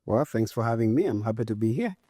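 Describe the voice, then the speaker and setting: A man in his forties from Uganda, a guest on a podcast, talks in a relaxed, reflective way and often pauses on fillers. His voice is very low and recorded dry and close. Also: husky, no room sound. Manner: relaxed, thoughtful, with frequent fillers. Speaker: guest entrepreneur. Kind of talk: conversational interview.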